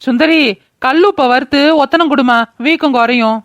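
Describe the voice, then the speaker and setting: A woman's voice: sits high, normal speed, no echo, natural voice. A woman voicing a bitter old village mother-in-law who wails and curses, in a cartoon. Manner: wailing, cursing laments. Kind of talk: cartoon voice acting.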